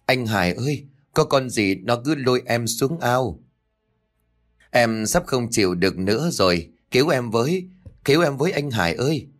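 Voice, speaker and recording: Một người đàn ông đóng vai người vợ trẻ tuyệt vọng, kêu khóc và van xin cầu cứu. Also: male voice, lively intonation, moderate pace, soft background music, natural voice. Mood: terrified. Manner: high, pleading cries. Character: desperate young wife, frightened and pleading.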